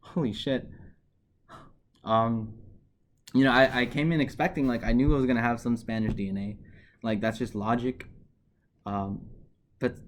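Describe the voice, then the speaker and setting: A man's voice: mid-range voice, fairly even intonation, normal speed, pauses often, a little hiss or hum. A man vlogging to camera in a casual, earnest way, often adding "right?" and restarting phrases as he thinks.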